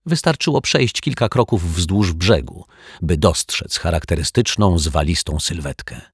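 A man narrating a children's audiobook in an expressive, measured storytelling manner. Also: low voice, breathy edge, dry recording, clean studio sound. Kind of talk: scripted narration.

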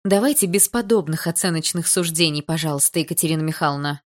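A woman's voice: sits low, fast. Woman voicing a principled class teacher, earnest, pleading, ringing voice, audiobook.

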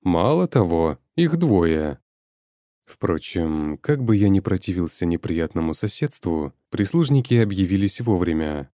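Low dark-voiced male narrator. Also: very animated, a little slow, no echo, studio quality. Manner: wry, sardonic storytelling. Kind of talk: first-person audiobook narration.

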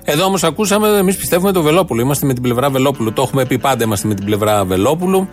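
A man's voice: mid-range voice, expressive, faint music behind. Sarcastic man hosting satirical news. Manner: sarcastic, mock-serious. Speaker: satirical show host.

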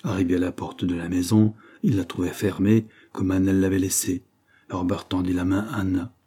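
Husky, low-voiced male audiobook narrator. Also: little pitch movement, moderate pace, mellow. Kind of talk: scripted narration of a novel.

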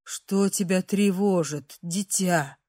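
A woman reading an audiobook, voicing a kind elderly male dragon mage who speaks slowly and gently. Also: high voice, no echo, studio quality, voice pushed down. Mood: gentle. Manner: slow, gentle, soothing.

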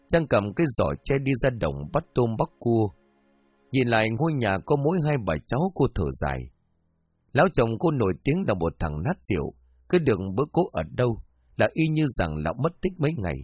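A man narrating a village short story in an expressive reading voice. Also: on the low side, no echo. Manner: expressive, rising and falling reading.

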